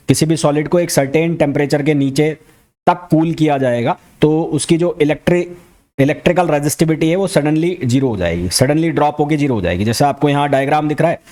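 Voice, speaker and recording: A man with an Indian accent teaching a fast revision physics lecture, talking quickly and repeating key terms back as questions. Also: fairly high pitch, dark tone. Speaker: physics educator.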